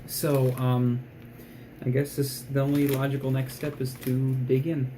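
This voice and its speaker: A man giving a casual food review in a low-key, rambling, dryly joking way. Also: completely flat delivery, measured pace, noisy background. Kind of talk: casual product review vlog.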